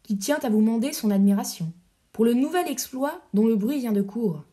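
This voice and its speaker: A woman's voice: fairly high pitch, lively intonation, moderate pace, dark tone, close to an everyday voice. A woman reading the part of a haughty noble male officer in an audiobook play, speaking in a formal, ceremonious way.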